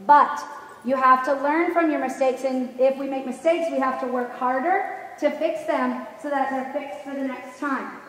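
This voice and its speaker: High-voiced woman calling brisk riding commands, echoey hall. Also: steady tone, fairly bright tone. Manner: firm, instructive, checks understanding with questions. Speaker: horse riding instructor. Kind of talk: live riding lesson coaching. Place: large echoey riding arena. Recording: echoey hall, distant mic, background noise.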